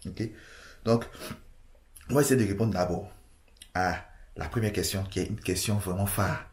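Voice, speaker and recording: A man's voice: low-pitched, normal speed, reverberant. A man from Côte d'Ivoire giving casual immigration advice to camera, hesitant, with many restarts and fillers.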